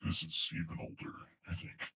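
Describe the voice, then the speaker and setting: A man's voice: moderate pace, sharp tone. A man talking through a voice changer filter in a casual voice chat, muttering to himself.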